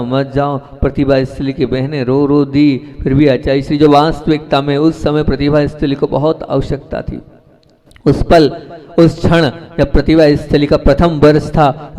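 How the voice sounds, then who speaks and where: Monk preaching in a reverberant hall. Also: male voice, on the high side, a little mellow. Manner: storytelling, repeats phrases for emphasis. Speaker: Jain monk giving a discourse. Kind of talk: sermon.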